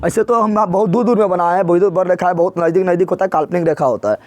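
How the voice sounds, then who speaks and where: His voice sits high and slightly mellow, racing along as he teaches physics. The man keeps up a call-and-response pattern, questioning students and repeating key words over and over.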